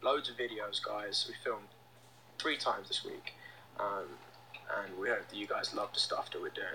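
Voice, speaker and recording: In a rough recording with a little hiss or hum, a young man speaks at normal speed in a lowish voice that is bright and forceful. He's a band member running a phone livestream from a small indoor room, cheerfully chatting and reading fan comments. He holds the phone close to his face.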